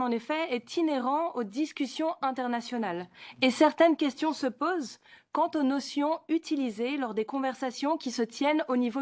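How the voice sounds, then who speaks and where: A woman researcher giving a prepared conference presentation, reading in a formal, steady manner. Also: sits high.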